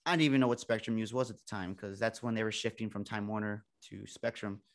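A man's voice: on the low side, fairly even intonation, quick pace. A young man from San Antonio giving a casual, self-joking talk to students as a guest speaker, and he acts out the people he quotes. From San Antonio, Texas.

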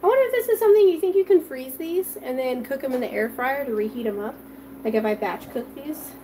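Animated and fast, with a warm tone and a high-sitting voice, a woman fries food in her home kitchen during a casual cooking livestream. She's an adult with children and reads viewers' comments as she chats with them. Slight background noise can be heard.

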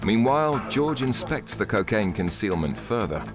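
A man narrating a documentary in a measured, scripted voice-over. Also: fairly low pitch, sing-song. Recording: studio voice-over with loud music behind.

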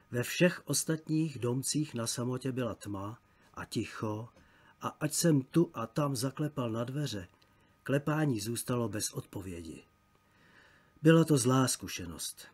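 A man reading a travel story aloud as an audiobook narrator, measured and literary. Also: mid-range voice, darkish tone, slightly rough.

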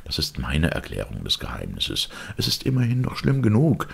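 A man's voice: very deep voice, wildly swooping pitch, moderate pace, gravelly, husky, voice pushed up, heavily acted. A man voicing a resolute, middle-aged male lawyer in an audiobook, speaking firmly and emphatically. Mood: earnest. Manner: firm and emphatic. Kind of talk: audiobook character reading.

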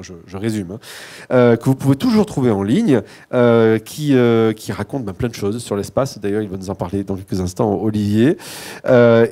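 A man's voice: mid-range voice, dark tone. A man moderating a live panel discussion, introducing guests with frequent restarts, self-corrections and light joking asides.

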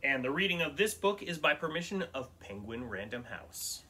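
A man reading a picture book aloud for children's storytime, often pausing to ask the listeners questions about words. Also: a little high, very animated, pushed and bright.

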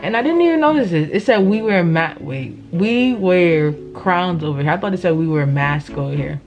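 A woman's voice: on the low side, lively intonation, moderate pace. Woman talking through a face mask. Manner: chatty, playful, sassy asides. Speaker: vlogger. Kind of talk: casual chat to camera. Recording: dull lo-fi sound with music behind.

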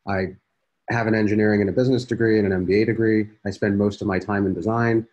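Running a founders' program video call over a laptop from an indoor room, a man in his thirties talks casually and fills his speech with fillers. He has a lowish, darkish voice with a breathy edge.

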